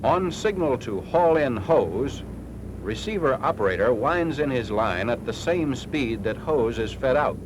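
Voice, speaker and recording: An American man with a mid-pitched voice gives a formal, clipped instructional reading for a 1940s military training film, sounding animated yet unhurried. The vintage soundtrack is noisy.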